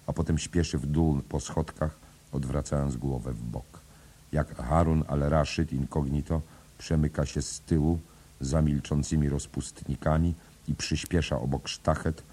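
A man narrating the stage directions of a play in a measured, even way. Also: a bass voice, husky.

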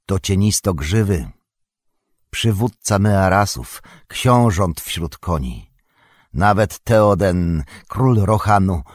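A man voicing a solemn grey-bearded old male wizard in an audiobook, measured and commanding. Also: sits low, breathy edge, no room sound, studio quality, exaggerated voice. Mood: proud. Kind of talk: audiobook character voice.

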